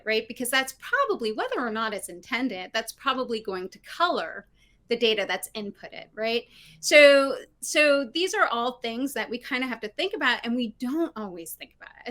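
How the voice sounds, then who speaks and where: Bright and lively, this high-voiced diversity consultant joins a video call from her bookshelf-filled living room via laptop microphone. She's animated and laughs easily, regularly tacking "right?" onto what she says.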